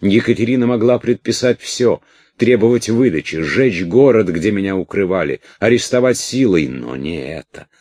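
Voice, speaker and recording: A man reading aloud and voicing a furious, ill young captive princess with shrill, scornful outbursts. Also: expressive, measured pace, darkish tone, husky, no echo, heavily acted. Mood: enraged.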